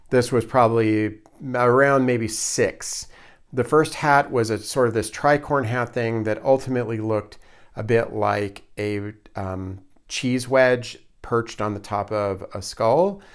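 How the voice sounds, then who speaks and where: A man's voice: mid-range voice, clear, resonant tone. A man giving a casual, unscripted show-and-tell of a handmade project in a hesitant, thoughtful, self-deprecating way. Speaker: hobby prop maker, presenter.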